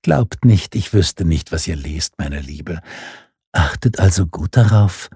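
A man's voice: low voice, expressive, slow, dark tone, husky, dry recording, studio quality, voice pushed down, heavily acted. A man voicing a cruel, mocking noblewoman at a royal court, haughty and sneering, in an audiobook reading.

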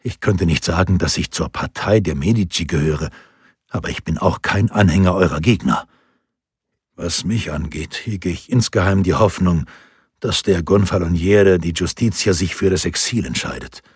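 Brief: earnest middle-aged guard, voiced by a man, low, husky, dry close reading. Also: dry recording. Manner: measured, earnest pleading.

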